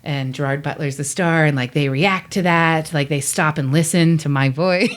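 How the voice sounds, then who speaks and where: A woman guest telling stories in a lively way and acting out the quotes she tells. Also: low voice, moderate pace. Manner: animated storytelling, acts out quotes. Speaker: guest, voice actor. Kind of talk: casual interview chat.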